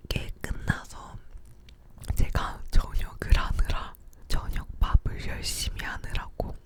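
A young woman whispering a casual ASMR chat, leaning in very close to the microphone with soft, unhurried murmuring. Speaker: ASMR video creator. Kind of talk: whispered ASMR chat about daily life. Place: living room at home. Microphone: close to the mouth, ear-to-ear.

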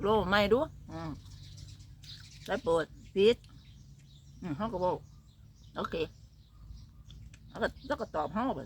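An older woman from northeastern Thailand with an Isan Thai accent, chatting casually in a vlog and mixing in broken English phrases. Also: mid-range voice. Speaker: vlogger. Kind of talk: casual chat.

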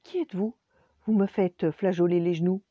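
A woman voicing a stern, pompous male singing teacher who scolds loudly and theatrically, with a dull lo-fi sound. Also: lowish voice, fairly even intonation, moderate pace, no echo, voice pushed up, lightly acted. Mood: frightened.

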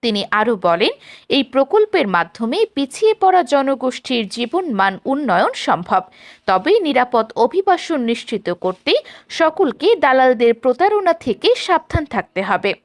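A woman reading a scripted news report as a voice-over in a formal, even manner. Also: high voice.

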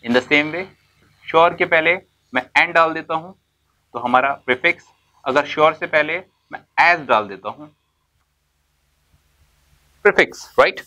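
This man's voice sits on the high side and sounds pushed and bright, though the recording quality is low. In a classroom-style lesson he teaches basic English terms, blending Hindi with English words and posing questions he then answers himself. He draws words out slowly for emphasis.

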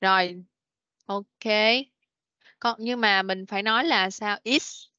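A woman's voice: mid-range voice, fairly even intonation, pushed and bright, no echo. Woman, English teacher, online class, patient, repeats words, video call recording, muffled lo-fi, dry. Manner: patient, repeats words slowly, frequent "rồi, ok". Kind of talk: online class, correcting pronunciation. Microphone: video call meeting recording. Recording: dull, dry lo-fi meeting recording.

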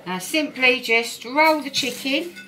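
In a noisy home phone recording, complete with kitchen clatter, a middle-aged woman with a high voice talks a little slowly while giving a friendly cooking demonstration in her kitchen. A support worker, she chats encouragingly to her viewers, calling them "guys," with the phone camera set on the counter.

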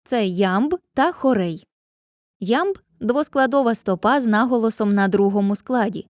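A woman narrating a scripted lesson, speaking clearly to the viewer and chanting rhymes slowly. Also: fairly high pitch, expressive, dry recording, clean studio sound. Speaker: teacher.

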